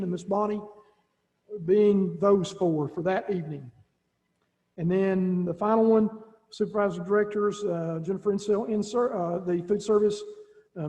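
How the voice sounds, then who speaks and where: A man serving as director of schools speaks at a school board meeting, his folksy remarks rambling and frequently restarted. His high voice has a creaky quality and a warm tone, recorded as dull lo-fi sound in a reverberant room.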